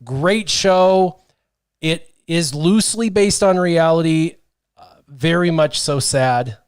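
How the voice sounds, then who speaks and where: A man's voice: fairly high pitch, takes it slowly, smooth, no room sound. A man in his thirties hosting a casual livestream from a small home studio, reading viewer comments aloud and joking about himself. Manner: reads chat comments aloud, jokey and self-deprecating. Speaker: host. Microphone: studio mic with headphones.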